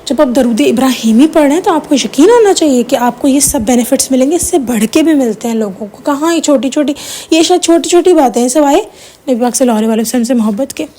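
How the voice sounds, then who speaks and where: A woman's voice: high voice, expressive, mellow. A woman giving an informal religious talk to her viewers, chatty and personal, slipping English words in as she tells stories. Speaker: religious teacher.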